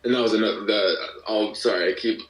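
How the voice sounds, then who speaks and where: Talking fast in a low-leaning, slightly bright voice with fairly even intonation, a young American musician and audio drama creator rambles casually as an interview guest on a podcast, frequently interrupting himself. The sound is roomy and echoey, with him positioned far from the mic.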